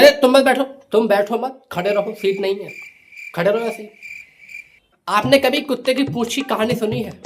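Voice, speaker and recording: A man playing a short-tempered, exasperated male schoolteacher who rants and scolds, in a comedy sketch with tabla music behind him. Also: very high-pitched.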